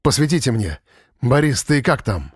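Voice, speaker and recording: A man voicing a calm, commanding adult rescuer. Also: medium pitch, normal speed, slightly rough, dry recording, studio quality.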